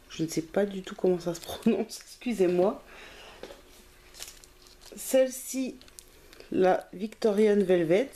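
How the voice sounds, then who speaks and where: A woman's voice: mid-range voice, warm tone, slight background noise. A woman chatting casually through a craft haul video, self-deprecating and often hesitating. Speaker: craft vlogger.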